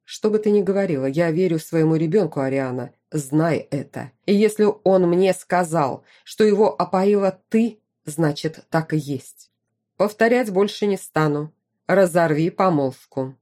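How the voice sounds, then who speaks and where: A woman's voice: lowish voice, a little slow, warm tone, lightly acted. A woman voicing a stern, commanding middle-aged duke and father in an audiobook. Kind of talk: audiobook character reading.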